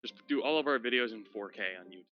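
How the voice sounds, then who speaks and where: A man's voice: mid-range voice, fast, faint music behind. A man in casual pre-game chat, upbeat as he introduces the session. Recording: slightly dull lo-fi mic.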